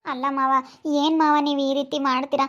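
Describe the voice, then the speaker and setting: A woman's voice: high-pitched, level tone, brisk, a bit bright, highs cut off. A woman playing a young married wife who pleads with and curses her brother-in-law in an amateur village drama. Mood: protesting. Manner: pleading, then cursing angrily.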